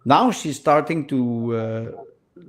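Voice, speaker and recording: A man from Canada co-hosting a casual political podcast, halting and repeating words as he searches for them. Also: medium pitch. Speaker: podcast co-host.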